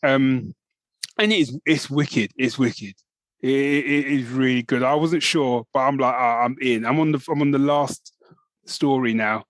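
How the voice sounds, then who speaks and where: Co-hosting a podcast, a man speaks at medium pitch and a moderate pace with no room sound. The conversation is casual and keen, and he rambles, restarting often.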